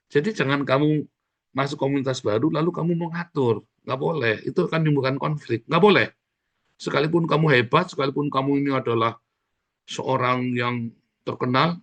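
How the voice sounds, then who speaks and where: A man's voice: mid-range voice, gravelly. A man pastor preaching a conversational sermon, scolding and coaxing his listeners with frequent direct asides. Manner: acts out quoted speech in livelier voices.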